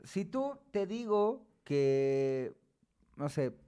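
A man's voice: fairly high pitch, big pitch swings, very slow, warm tone, clear, resonant tone. A young man with a Mexican accent co-hosting a casual, slangy, joking chat. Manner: joking, slangy, often laughing. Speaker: podcast co-host.

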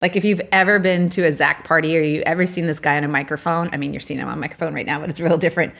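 A woman in her forties chats earnestly with her husband on their podcast, with a fairly low voice for a woman. She fills her sentences with "like" and "you know". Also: steady tone, rapid-fire, gravelly, fairly bright tone. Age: 40s. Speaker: podcast co-host. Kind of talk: casual chat.

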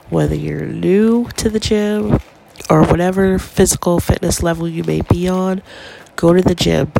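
A young woman hosts her solo podcast while congested with a cold and a stuffy nose, offering casual, encouraging advice with plenty of ums. Her voice is lowish, creaky, and dark, and the audio quality is poor.

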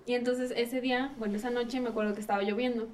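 A woman's voice: on the high side, steady tone, quick pace, a little mellow. A woman with a Mexican accent, a podcast guest telling a childhood ghost story in casual, slangy chat. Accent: Mexican Spanish. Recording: distant mic with faint ambient noise.

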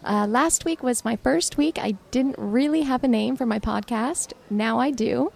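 Podcast host: female, higher voice with noticeable vocal fry, informal delivery, some background noise. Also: moderate pace, a little mellow. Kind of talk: casual chat.

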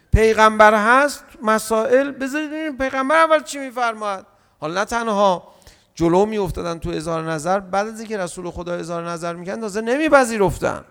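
High gravelly male preacher in a hall. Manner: lively, acts out quoted speech; slow drawn-out chanting of verses. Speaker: religious lecturer. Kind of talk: sermon.

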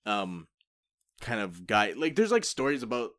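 Animated rambling man telling stories. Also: mid-range voice, measured pace. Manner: rambling, many fillers, animated retelling. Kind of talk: casual chat, storytelling.

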